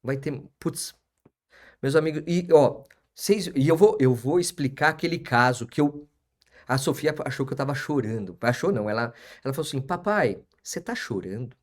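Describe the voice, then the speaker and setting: A man's voice: mid-range voice, moderate pace. A man, hosting a live stream as an auctioneer and lawyer, repeating his phrases for emphasis and chatting with viewers.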